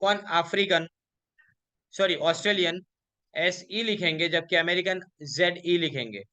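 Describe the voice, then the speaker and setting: A man with a high voice lectures through exam revision. His tone is bright and clear. He puts a question to the class and answers it himself, and he slows down to read out English examples. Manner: explains in mixed Hindi and English, asks questions and answers them himself; reads English examples slowly. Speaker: college lecturer.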